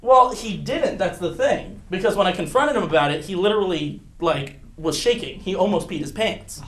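High-voiced man rambling through a story. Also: lively intonation, moderate pace, a bit bright. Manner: rambling, self-mocking storytelling. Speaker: improv performer. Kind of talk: comic true-story monologue.

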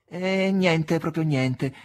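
A man's voice: medium pitch, huge pitch swings, normal speed, pitched above the performer's own voice. A man doing a flustered kindly nurse. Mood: evasive. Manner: flustered, hushed, fluttery. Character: kindly hospital nurse, woman, anxious and evasive. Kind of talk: audiobook character reading.

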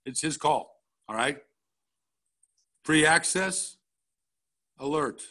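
A man's voice: on the high side, animated, slow, bright, forceful tone. A middle-aged man, a football coach, walking through game film at a coaching clinic in a blunt, casual way, checking in often with "all right?".

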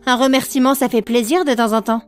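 A woman playing a strange young girl from a dark audiobook, with a high, bright voice that turns every question into an order. Cool and teasing, she keeps the upper hand, over faint music. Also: steady tone, a little fast, natural voice. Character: mysterious teenage girl, bold and commanding.

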